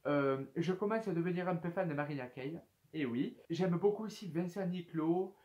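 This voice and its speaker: Speaking at a normal speed, a twenty-one-year-old male host chats to camera in an FAQ-style YouTube video. His fairly high voice has a darkish tone, and he sounds hesitant, with many fillers as he reads viewer questions.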